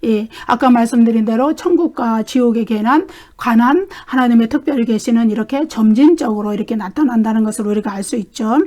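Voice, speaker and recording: A woman teaching a Bible study lecture, explaining steadily and often checking in with a questioning "eh?", and reading scripture verses aloud in a measured way. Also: a little high, darkish tone. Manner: explanatory, with frequent questioning "eh?" tags and restarts.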